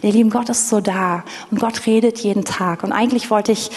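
A woman's voice: medium pitch, steady tone, fairly quick, darkish tone. A woman preaching a sermon, speaking earnestly to her congregation and often repeating herself. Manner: earnest, addressing the congregation directly, with frequent repetitions. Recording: reverberant hall.

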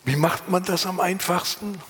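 A pastor preaching a sermon, earnest and lively, sometimes dropping to a whisper and then rising for emphasis, with a voice he himself calls unusual. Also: high voice, normal speed, long reverb tail, a little hiss or hum. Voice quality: husky. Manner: earnest, varied, drops to whispers and rises for emphasis. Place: church.

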